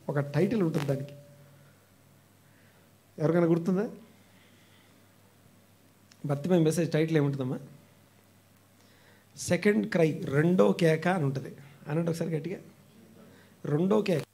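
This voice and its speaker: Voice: mid-range voice, mellow. A pastor preaching a sermon emphatically and calling on the congregation to repeat phrases back.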